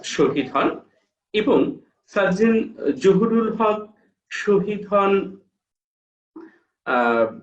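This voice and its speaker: Bangladeshi bengali guy teaching slowly, lots of ahh pauses, far off in a roomy, muffled recording. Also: fairly high pitch. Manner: slow, halting, with frequent drawn-out "ah" pauses; reads quoted letters aloud. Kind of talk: classroom lecture on a poem. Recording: echoey room, far mic, dull lo-fi sound.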